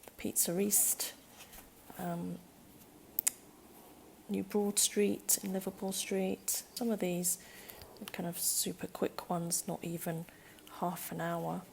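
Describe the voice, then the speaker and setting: Woman flipping through her sketchbook, low gravelly voice, chatty with lots of ums. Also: slow, pauses often, a little hiss or hum. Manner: relaxed, chatty, with frequent ums. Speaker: sketchbook vlogger. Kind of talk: casual sketchbook tour narration.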